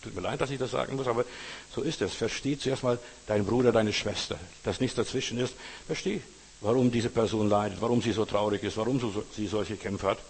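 Gravelly preacher in an echoey hall. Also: male voice, on the low side, steady tone, fairly quick. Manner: informal, addresses listener as du, retells stories with acted quotes. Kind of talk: sermon with parables.

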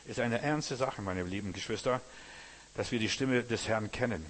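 A man's voice: fairly low pitch, moderate pace, a bit bright, a little hiss or hum. A man preaching a sermon in earnest German-language style, addressing his listeners directly as brothers and sisters.

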